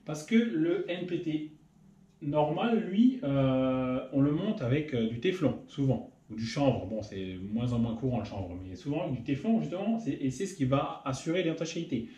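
A man hosting his own workshop channel, explaining machining in a casual technical tutorial, often pausing with fillers. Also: fairly high pitch, very animated, mellow. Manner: hesitant, many filler pauses. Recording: roomy echo.

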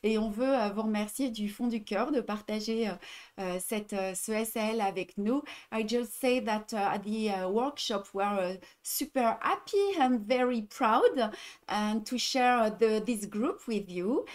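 Woman host with a French accent, slightly high voice, chatty livestream style, reads comments aloud. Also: unhurried. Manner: chatty, reads out viewer comments, repeats herself in three languages. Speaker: embroidery shop host. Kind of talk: casual livestream chat.

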